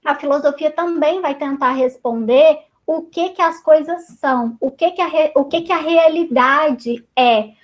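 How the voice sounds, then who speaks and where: This Brazilian Portuguese-accented woman guides an online class discussion for her reading circle at home, heard through a computer mic on a video call, and the recording sounds muffled. She talks in a high voice, unhurried and with few pauses, chatty and full of fillers and restarts.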